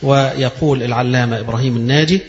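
Man, Egyptian accent, religious lecturer, brisk, explains read passages, long hall echo. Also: mid-range voice, fairly even intonation. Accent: Egyptian Arabic. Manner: reads a passage, then explains it in colloquial speech; demonstrates pronunciation by repeating phrases. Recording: echoey hall, dull lo-fi sound.

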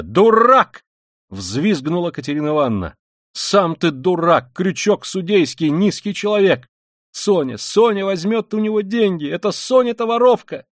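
A man voicing a hysterical, furious widow who screams insults in a high, frantic voice. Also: no echo, clean studio sound.

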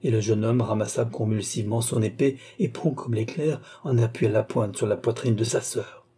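A male narrator reads a classic novel in a measured, expressive style. His voice is very dark and somewhat husky, with pitch in the ordinary middle range. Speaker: audiobook narrator. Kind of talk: literary audiobook narration.

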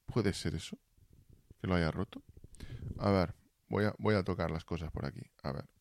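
Casting: deep-voiced male streamer, casual and fumbling with his mic, close dry sound. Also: normal speed, darkish tone, no echo. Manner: fumbling with audio gear, asking chat for feedback. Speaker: Twitch streamer. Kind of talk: casual live-stream chat. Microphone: desk mic, then built-in computer mic.

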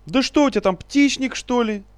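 A man doing a fussy little male wizard-boss in a storybook, shrieking and stamping with indignation, voice jumping high and loud above the reader's own. the outbursts swing wildly up and down. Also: animated, moderate pace, dry recording. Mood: outraged. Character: shrill fussy male sorcerer-official, easily outraged.

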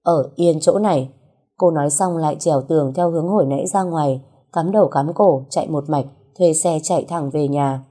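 A woman narrating a dramatic novel in a steady storytelling voice. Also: sits low, brisk. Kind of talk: scripted audiobook narration.

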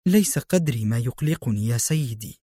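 A man voicing an anxious woman intelligence officer, speaking tensely and quietly. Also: mid-range voice, expressive, fairly quick, slightly rough, no echo, clean studio sound. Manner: tense, subdued.

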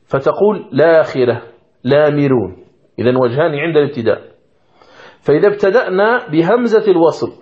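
A man teaching Quranic recitation from a textbook, explaining rules patiently step by step and repeating examples. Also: on the high side. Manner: asks the listeners questions, then answers them. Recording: dull lo-fi recording.

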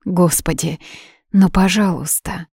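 A woman's voice: fairly low pitch, slow pace, vocal fry, darkish tone, breathy edge, no echo, studio quality, heavily acted. A woman voicing a grieving, stubborn young witch who pleads and defies in a raised voice in an audiobook. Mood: pleading.

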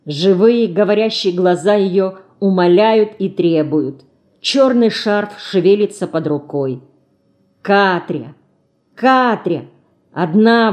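A woman narrates an audiobook with expressive, emotional storytelling. Her voice is warm and mellow, at a mid pitch. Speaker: audiobook reader. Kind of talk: scripted narration.

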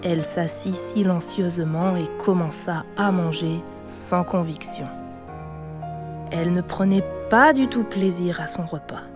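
A woman narrating a children's audiobook in a gentle, expressive reading voice. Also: on the low side, a little slow, music in the background. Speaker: storyteller.

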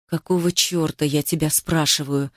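A gruff, hot-headed young man, as a woman reader puts him on, speaking low and clipped and swearing when pushed. His voice is dry and close, with no room around it. It is an audiobook character voice. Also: fairly even intonation, normal speed, a bit bright, dry recording. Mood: angry. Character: hot-tempered young man, protective and fierce.

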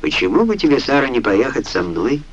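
A man's voice: medium pitch, big pitch swings, brisk, dull audio. Proud pasha, playful and blunt, as read by a male audiobook narrator. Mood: teasing.

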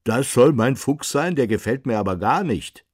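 A short, gruff coachman, blunt and scornful, barks his words loud and high with a lively lilt, as a man puts him on. The voice has a husky edge. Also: a little slow, no echo, clean studio sound. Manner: blunt, mocking.

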